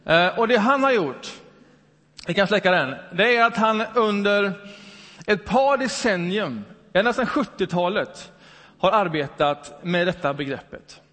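A man's voice: high-pitched, animated, sharp tone. A man preaching a Sunday sermon in a conversational way, full of rhetorical questions. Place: church hall. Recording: long hall reverb.

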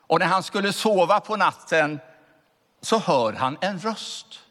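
A man preaching a sermon, slowing down to stretch key words for emphasis. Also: on the high side, bright, forceful tone. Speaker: pastor. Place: church. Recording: long church reverb.

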